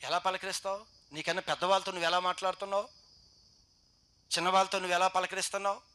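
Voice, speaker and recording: A man with a Telugu accent, a pastor, gives a sermon at a youth gathering. His voice is high with little pitch movement, yet he alternates between loud and soft while pressing listeners with rapid rhetorical questions.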